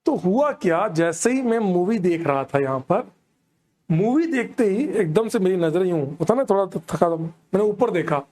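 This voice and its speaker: A young man, telling a comic story in an animated way and keeping checking that the audience follows. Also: sits high. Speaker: stand-up comedian. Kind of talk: storytelling comedy.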